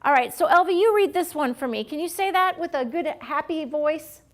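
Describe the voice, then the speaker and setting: A woman leading a customer service training session, lively and acting out short role-play lines for her trainees. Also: sits high, a little fast. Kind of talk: staff training talk with role-play examples.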